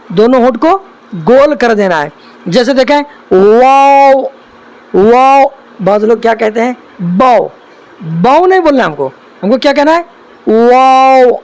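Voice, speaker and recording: High, smooth-voiced male Quran teacher. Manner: draws out each letter slowly, then explains with questions. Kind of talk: recitation lesson for beginners.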